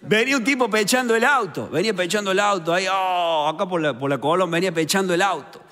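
Doing stand-up in his Cordobés Argentine accent, this comedian from Córdoba chats his way through jokes peppered with "viste" and "eh." His voice sits high and fairly bright, he talks fast, and the sound trails off in long reverb.

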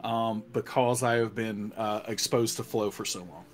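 A man's voice: on the low side, fairly even intonation, normal speed. A man chatting casually as a player in a tabletop role-play game. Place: home room on a group video call. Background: music.

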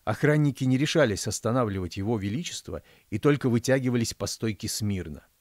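A man's voice: mid-range voice, animated, a little fast, darkish tone, no room sound, studio quality. Man narrating his fairy-tale audiobook. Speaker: author reading his audiobook.

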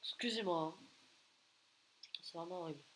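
This gaming video maker's high-pitched voice runs at normal speed as he gives excitable, intermittently loud commentary while playing. He taunts surrounding players and fires off repeated exclamations, all on a rough recording with a faint underlying hiss.

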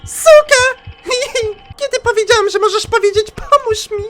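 A man voicing an obsessive young yandere woman from a game, with a breathy, whispery, taunting sing-song voice. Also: very high voice, measured pace, sharp tone, pitched above the performer's own voice, full character voice. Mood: shrieking, gleeful. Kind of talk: dubbing a game's dialogue.

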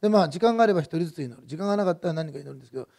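A man's voice: on the high side, expressive, rapid-fire, creaky, a little mellow. A middle-aged male pastor preaching a sermon in a conversational, digressive way, with many fillers and personal stories.

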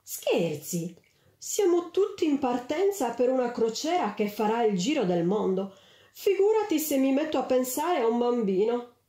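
A woman's voice: on the high side, sing-song, normal speed, dark tone, voice pushed up. A woman voicing a frivolous, carefree rich lady in a storybook, breezy and flippant, in a roomy space. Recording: roomy echo.

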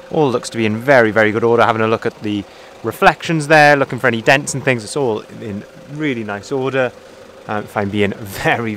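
A man, a car salesman, walking around a used pickup outdoors and calmly pointing out its features. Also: mid-range voice, a little hiss or hum. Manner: friendly, methodical, repeats phrases. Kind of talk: walkaround vehicle review. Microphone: handheld phone camera, filming himself off-screen.

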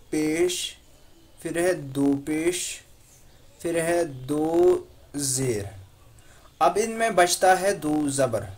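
A man's voice: on the high side, darkish tone. A man teaching Quran recitation with tajweed, patiently spelling out letters and vowel marks syllable by syllable. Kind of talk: slow spelled-out recitation lesson.

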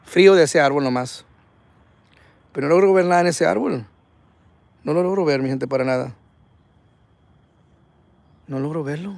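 A man hosting a live ghost-hunting stream outdoors at night, talking excitably in slang and reading viewer comments aloud. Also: on the high side, normal speed, creaky, pauses often, no room sound. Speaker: paranormal livestream host.

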